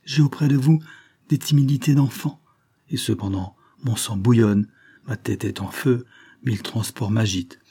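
A man's voice: medium pitch, normal speed, gravelly, warm tone, husky. A man reading aloud as a young lover who declares his passion and pleads, in an impassioned way.

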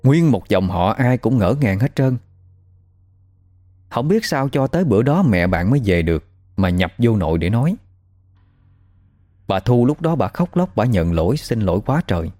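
Mellow low-voiced storyteller. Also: male voice, very animated, moderate pace, pauses often. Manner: casual, conversational retelling. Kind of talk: spoken first-hand story narration.

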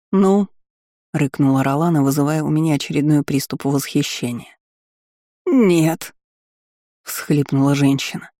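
A man narrating a fantasy audiobook in calm, measured tones. His voice sits a little high for a man yet sounds mellow and soft-edged. The recording is close and dry, with no room sound. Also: no echo.

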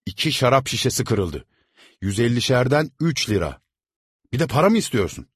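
A man voicing an angry male servant who shouts scoldings in a high, loud voice. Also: big pitch swings, fairly quick, husky, no room sound, clean studio sound. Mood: scornful.

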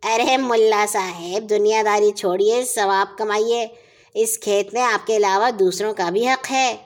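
A woman's voice: mid-range voice, natural voice. A woman voicing a smug, shameless male neighbor in a children's story, talking sweetly and brazenly. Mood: preachy.

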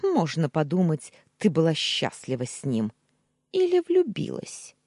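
A woman's voice: sits low, huge pitch swings, measured pace, slightly rough, dry recording, clean studio sound, full character voice. A woman voicing Maryam, a scornful young wife. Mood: bitter, angry. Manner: sharp, scornful, hissing.

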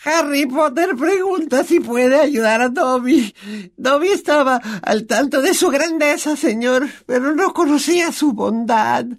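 A man's voice: very high voice, expressive, unhurried, voice pushed up, exaggerated voice. A man with a Latin American Spanish accent voicing a timid, grovelling male house-elf servant in an audiobook, speaking of himself in the third person. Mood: reverent. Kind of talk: audiobook character voice.

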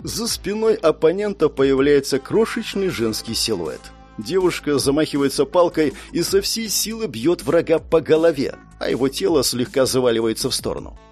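A man's voice: fairly high pitch, very animated, normal speed, darkish tone, husky, faint music behind. A man narrating first-person fiction in a dramatic audiobook style, intense and breaking into strained outbursts for the hero's inner thoughts.

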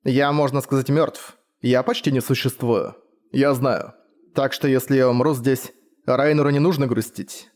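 A man voicing a calm, mocking ghostly father in a fantasy audiobook, speaking softly and unhurriedly. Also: medium pitch, moderate pace, lightly acted. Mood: gentle.

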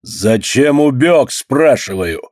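A man voicing a rough, bullying middle-aged barge owner who talks loudly and threateningly. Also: fairly low pitch, unhurried, no echo, studio quality. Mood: angry. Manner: coarse, threatening, loud.

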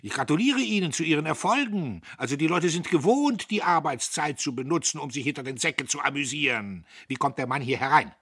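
A man puts on a pompous young factory owner who scolds and screams in a storybook. The voice climbs high and swings wildly, husky and sharp. Close and dry, with no room around it. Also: lively intonation, fairly quick, few pauses, no echo, full character voice. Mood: shouting, bullying. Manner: shouting, scolding, strident. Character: young bullying pompous factory boss, hot-tempered man.

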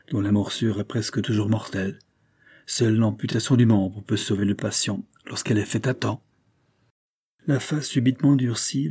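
A man narrating an adventure novel in a steady, measured storytelling voice. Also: on the low side, slightly rough. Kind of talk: scripted audiobook narration.

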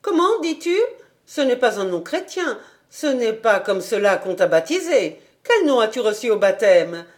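A woman voicing a stern, prim middle-aged governess who asks sharp, indignant questions in a storybook reading. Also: on the high side, big pitch swings, normal speed.

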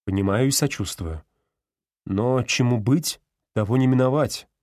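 A man's voice: mid-range voice, measured pace, a little mellow, dry recording, clean studio sound, lightly acted. A man voicing a stern, matter-of-fact male security officer in an audiobook. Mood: calm. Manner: matter-of-fact, firm, patient. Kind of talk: audiobook character voice.

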